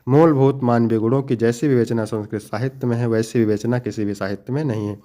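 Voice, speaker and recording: A man's voice: mid-range voice, steady tone, quick pace, mellow. A young man teaching, walking students step by step through the questions and answers of an exam paper and addressing them fondly. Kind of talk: exam paper walkthrough lesson.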